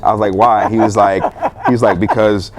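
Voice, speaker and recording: A young man, a guest on a talk show, telling his story in a loose, animated way, with many fillers and bursts of laughter. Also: on the low side, a little fast, heavy background noise. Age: young adult. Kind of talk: casual storytelling interview.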